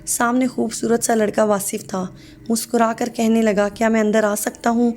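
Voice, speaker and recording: A woman's voice: a little high, level tone, darkish tone, slight background noise. A woman reading a sad story aloud as scripted narration, voicing every part in one plain voice.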